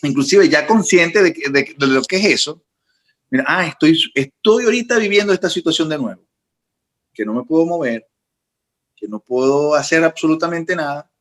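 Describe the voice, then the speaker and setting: A fairly high-voiced young man telling a story on a podcast. His telling is animated and gets more intense as it goes, always casual and personal. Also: moderate pace. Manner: animated, recounting with rising intensity. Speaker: podcast co-host.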